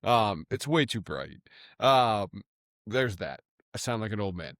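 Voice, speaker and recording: A man co-hosting a casual sports podcast, talking in an emphatic, animated way and cutting off his own swear words. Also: lowish voice, measured pace, no room sound, clean studio sound. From Boston area. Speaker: podcast co-host.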